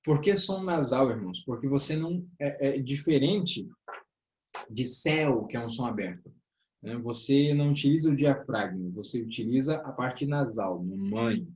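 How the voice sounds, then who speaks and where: A man's voice: medium pitch, expressive, moderate pace, a little mellow. A man teaching a classroom grammar lesson in a southern Brazilian accent. He explains step by step, often ends phrases with a checking "tá?" or "né?", and addresses his listeners as brothers. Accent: southern Brazilian Portuguese. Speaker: teacher of a church workers' course. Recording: echoey room.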